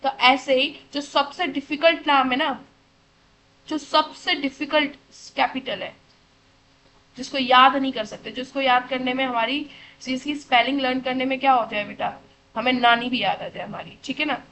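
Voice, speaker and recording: The recording quality is low as a woman with a high, pushed, bright voice gives a classroom lesson for children at a moderate pace and with fairly even intonation. She answers her own questions, calls the kids "beta" fondly, and keeps confirming they follow with "theek hai."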